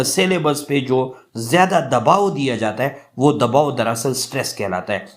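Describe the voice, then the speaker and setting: A man from Pakistan teaching a lecture, reading English examples slowly and then explaining them. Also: mid-range voice.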